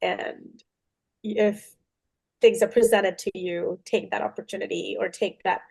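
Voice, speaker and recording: A woman, a pediatric dentist, telling a personal story in an interview with many fillers, putting on lively quoted voices. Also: medium pitch, unhurried, gravelly, breathy edge.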